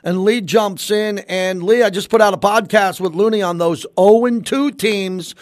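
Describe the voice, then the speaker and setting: High-voiced, emphatic American sports radio host. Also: male voice, normal speed, no room sound, clean studio sound. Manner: emphatic, repeats phrases for emphasis. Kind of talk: opinionated sports talk radio. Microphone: close studio microphone.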